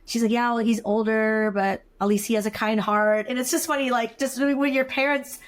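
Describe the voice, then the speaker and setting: A woman from California, a podcast host, speaking in an affirming, thoughtful way, with frequent pauses on "um.". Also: fairly high pitch, fairly even intonation. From California, USA. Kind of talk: casual conversational interview.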